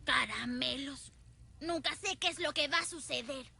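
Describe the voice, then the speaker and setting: Squeaky-high, fretful little elf. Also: female voice, a little slow, creaky, heavy background noise. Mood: worried, grumbling. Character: small worrying, grumbling elf companion. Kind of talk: dubbed cartoon acting. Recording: music behind the voice.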